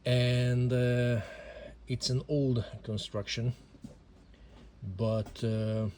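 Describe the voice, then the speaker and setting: Speaking extremely slowly in a level, slightly mellow medium-pitched voice, an amateur gun reviewer from Hungary hesitantly explains a handgun in a casual home video. English isn't his first language, his Hungarian accent is clear, he uses many fillers, and there's a little hiss or hum.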